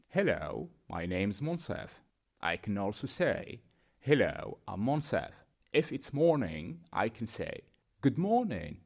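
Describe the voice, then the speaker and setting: A man from Morocco, giving a clear, step-by-step English lesson. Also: medium pitch. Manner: clear, deliberate, spells out each step. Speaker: English teacher. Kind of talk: scripted lesson to camera. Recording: dull lo-fi sound.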